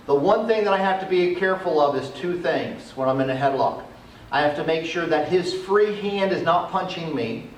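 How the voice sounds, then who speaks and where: Slightly high-pitched, a male martial arts instructor walks through self-defense techniques step by step as he demonstrates them outdoors on a cement area. The distant camera audio is echoey, with slight background noise.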